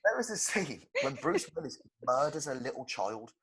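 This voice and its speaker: Animated man chatting about films. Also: medium pitch, normal speed, slightly rough. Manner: animated, acts out quotes. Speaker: podcast co-host. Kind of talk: casual movie chat.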